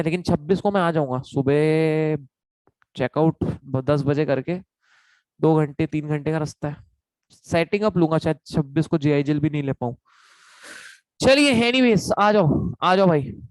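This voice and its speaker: Male tutor, high voice, dry close sound, casual joking lecture. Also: dry recording, rough recording. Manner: chatty, joking, addresses students as kids. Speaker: teacher.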